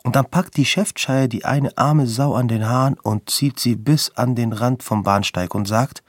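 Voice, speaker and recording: Young man with a husky voice, telling street stories. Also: mid-range voice, normal speed, no room sound, studio quality. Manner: blunt, street-slang narration with quoted outbursts. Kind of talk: storytelling monologue in vignettes.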